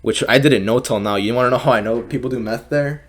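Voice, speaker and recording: A man's voice: medium pitch, fast talker. A young man from Mexico, a podcast guest talking casually, swearing often and filling with "like". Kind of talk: casual conversation.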